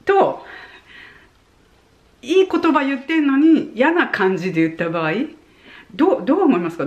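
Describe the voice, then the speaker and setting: A woman in her forties, from Japan, talks casually to her viewers with lots of gentle filler words. Her voice rises and falls widely, so she sounds animated as she acts out how tone changes what words mean. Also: medium pitch, muffled recording. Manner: chatty, with many soft fillers and friendly asides; animated, demonstrating points with voice tone. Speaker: vlogger. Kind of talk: casual advice talk to camera.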